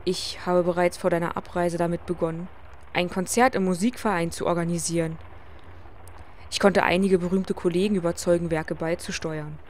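A woman's voice: lowish voice, slight background noise, natural voice. Woman reading a polite man's letter. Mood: formal. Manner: calm, measured letter reading. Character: male friend writing a letter, polite and formal.

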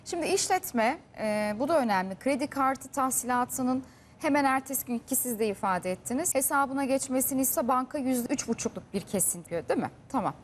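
A woman's voice: high voice, animated, brisk, slight background noise. A woman presenting TV news, pressing her guest with questions on behalf of viewers. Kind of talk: TV news interview. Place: TV studio.

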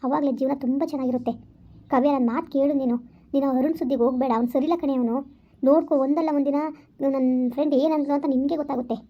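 A woman's voice: high-pitched, fairly even intonation, rapid-fire, dull audio. A woman plays a young woman's sensible friend in a village skit, earnestly giving advice. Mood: advising. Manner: earnest, advising. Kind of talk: village vlog skit acting.

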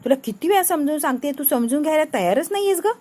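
Gentle, patient mother of the house, coaxing tone, read by a woman. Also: sits high, expressive, quick pace.

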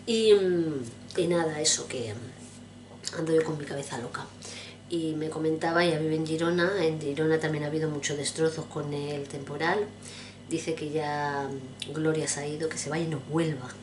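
A woman with a deep, low voice chats to camera at home. She rambles from topic to topic and addresses her viewers fondly. A steady background noise runs under the whole recording. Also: normal speed. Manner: rambling, chatty, affectionate, addresses viewers directly. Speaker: vlogger. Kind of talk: casual chat to camera.

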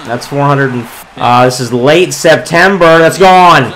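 A man giving excitable gameplay commentary, calling home runs like a sportscaster as he plays. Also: medium pitch, a little slow, poor audio. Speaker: gaming video creator.

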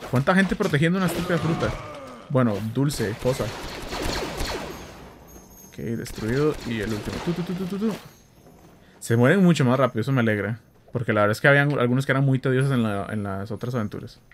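A man chatting excitedly while playing a video game, with a Central American Spanish accent, making blaster sounds and joking. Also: mid-range voice, fast talker, background noise. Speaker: gameplay streamer. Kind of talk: casual let's-play commentary.

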